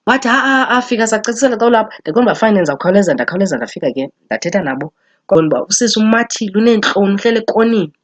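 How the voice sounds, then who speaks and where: A woman's voice: medium pitch, racing, lightly acted. A woman playing a dramatic, judgmental Xhosa mother gossiping in a comedy skit, with a Xhosa accent, as if chatting on the phone. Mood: dramatic, urgent. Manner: animated storytelling, code-switching between Xhosa and English.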